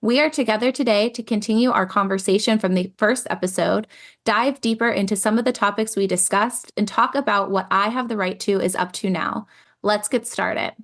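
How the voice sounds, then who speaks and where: A woman hosting a podcast, opening with a scripted intro and then talking in an articulate, measured way. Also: medium pitch, fairly bright tone. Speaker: podcast host.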